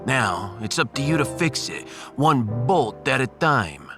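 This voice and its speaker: Voicing a sci-fi audiobook character over background music, the performer plays a gruff, wounded New Jersey ship's welder. The mid-range voice, at a measured pace, is very animated, hurt, and earnest, and his folksy, street-tough manner has him calling people "buddy."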